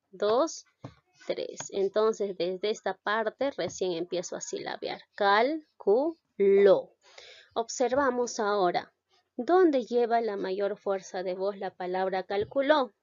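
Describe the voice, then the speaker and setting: Woman teacher, grammar lesson, slow deliberate pace, dry dull lo-fi sound. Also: medium pitch, dry recording. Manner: slow, deliberate, stressing syllables and asking the class questions.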